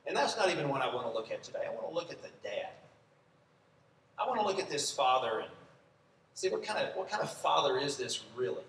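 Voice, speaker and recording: A man's voice: medium pitch, sing-song, quick pace, a bit bright, a little hiss or hum. A man preaching a sermon in a church, speaking conversationally and asking the congregation questions. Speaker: pastor. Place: church sanctuary. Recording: echoey church room, from a distance.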